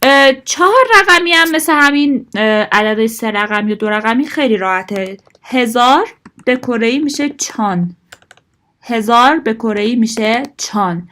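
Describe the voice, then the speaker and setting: A woman's voice: fairly high pitch, animated, sharp tone. Woman teaching a language lesson. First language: Persian. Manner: explains patiently, mixes Korean phrases into explanations.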